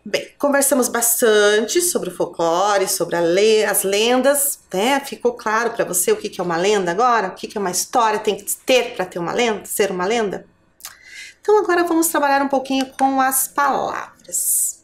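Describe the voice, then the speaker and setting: A woman's voice: medium pitch, expressive, moderate pace, roomy sound. A woman teacher with a Brazilian Portuguese accent, giving a patient lesson to children and asking the viewer questions.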